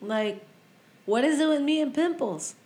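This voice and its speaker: A woman in her thirties co-hosting a podcast, chatting casually and laughing, exclaiming loudly when excited. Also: high-pitched, unhurried. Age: 30s. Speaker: podcast co-host. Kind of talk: casual chat.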